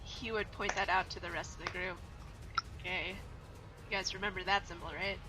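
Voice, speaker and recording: A woman playing a tabletop game, casual and quick to laugh, with some swearing. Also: on the low side, steady tone, music in the background, low-quality recording. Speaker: player. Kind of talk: casual tabletop role-play. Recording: loud background noise.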